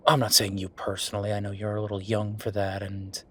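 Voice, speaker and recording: In this audio drama roleplay, the man portrays an exasperated werewolf official venting to his partner with tired sarcasm, casual conversation and emphatic pauses. His fairly low, fairly bright, slightly rough voice stays completely flat throughout.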